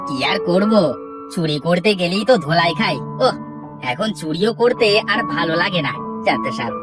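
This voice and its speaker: A weary, timid male thief in a cartoon, as a woman acts him out, sighing and hesitant in a lowish voice. Clear music plays behind him. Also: lively intonation, moderate pace, close to an everyday voice. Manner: tired, hesitant. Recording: background music.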